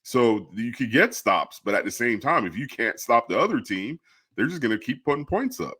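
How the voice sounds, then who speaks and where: A man's voice: medium pitch, very animated, normal speed, sharp tone, breathy edge, dry recording, clean studio sound. A man co-hosting a casual college football talk show, giving blunt, opinionated takes. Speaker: co-host.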